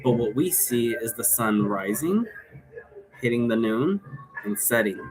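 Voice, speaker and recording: Over music, the presenter talks through the occult role-play game in a mid-range, animated voice at a measured pace. He wanders casually and unscripted between asides, and the room recording is clearly noisy.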